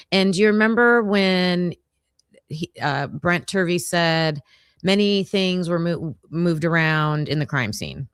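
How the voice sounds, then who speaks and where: A woman hosts a casual livestream discussion at a slow, unhurried pace. Her voice sits low for a woman. She speaks haltingly, fills pauses with ums and laughs often. The sound is dry and close. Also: smooth, no echo. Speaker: livestream host.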